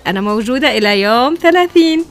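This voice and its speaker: A woman's voice: on the high side, animated, fast. A woman with a Yemeni Arabic accent presenting a live radio prize draw as its host, with emphatic, celebratory announcing.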